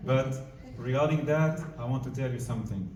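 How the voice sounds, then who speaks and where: A French diplomat gives an earnest, informal speech to a live audience in a large community hall, sometimes searching for words. His mid-range voice moves briskly. The mic is at a distance in the roomy hall, and a crowd can be heard in the background.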